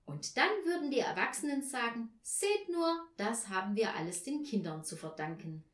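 A woman voicing an eager, imaginative little girl who talks in a dreamy, excited way, in a read-aloud story. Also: fairly high pitch, moderate pace, echoey room.

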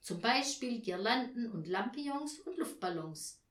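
A woman playing a calm storybook mother, echoey. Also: on the high side, a little slow. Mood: explaining. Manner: calm, questioning. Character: patient, gently curious mother. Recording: roomy echo.

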